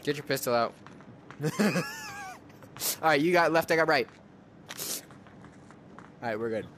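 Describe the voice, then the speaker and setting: A young man giving casual commentary while playing a game with a friend, jumpy, swinging from hushed mutters to shrieking laughter. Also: a little high, expressive, measured pace, a little hiss or hum.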